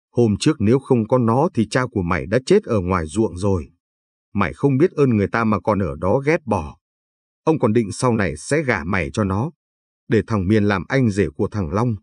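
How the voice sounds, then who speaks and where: A kindly old village grandfather who lectures his granddaughter with patience, as a man reading the tale puts him on. His low, breathy voice stays calm and steady. The sound is dry and close. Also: no echo. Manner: patient, advising.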